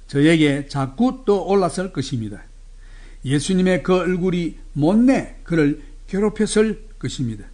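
A man delivers a sermon in a slightly high voice. He speaks in a measured, earnest way and voices the quoted lines with feeling. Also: a little mellow. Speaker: preacher.

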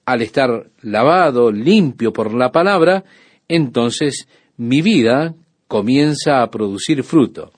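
A man delivers a radio sermon in an unhurried, measured way, pausing often between phrases. His mid-pitched voice has a slight huskiness to it. The sound is close and dry, with no room echo. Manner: calm, measured preaching with frequent pauses. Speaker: radio Bible teacher.

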